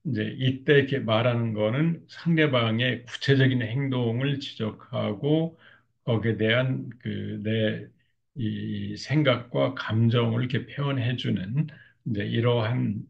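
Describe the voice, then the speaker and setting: An older male lecturer talks through marriage communication at a middle pitch. His voice is gravelly, and he often pauses on fillers. The recording sounds dull and lo-fi. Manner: frequent fillers, acts out short example quotes.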